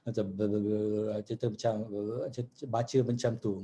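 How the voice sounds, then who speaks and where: A man with a Malaysian accent teaching news presentation in an online masterclass, chatty and relaxed, mixing in English words and reading sample news lines. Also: fairly low pitch, moderate pace.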